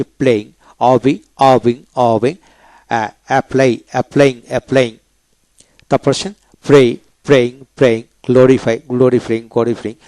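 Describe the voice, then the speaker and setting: A man teaching English pronunciation in a video lecture, slowly saying each word and repeating it twice. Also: mid-range voice, darkish tone, no room sound.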